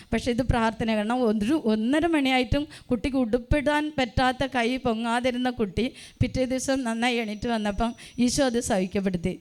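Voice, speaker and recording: A woman in her sixties gives a spoken church testimony, telling it plainly and often pausing on "um" to retell her own prayers. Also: on the high side, darkish tone, clean tone. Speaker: parishioner giving a testimony.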